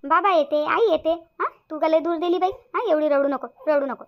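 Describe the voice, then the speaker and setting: A woman voicing a cartoon village busybody, shrill repetitive chatter, lo-fi muffled sound. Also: moderate pace. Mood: consoling. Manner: chattering, repetitive scolding-consoling. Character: chatty middle-aged village woman, bossy and consoling. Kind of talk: cartoon voice acting.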